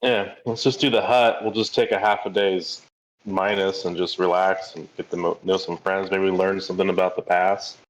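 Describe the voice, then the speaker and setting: A man's voice: low-pitched, level tone, normal speed. A man playing a tabletop role-playing game, rambling as he plans aloud, over a dull lo-fi microphone. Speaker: player. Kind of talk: tabletop role-play chat. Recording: dull lo-fi mic.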